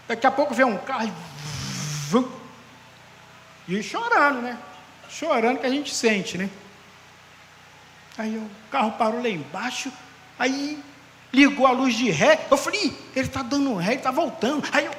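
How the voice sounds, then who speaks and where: A male pastor, telling a story in a sermon as an animated storyteller. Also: very high voice, unhurried, long pauses. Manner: lively, animated storyteller who acts out dialogue. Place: large church hall during an assembly. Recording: echoey hall with faint background noise.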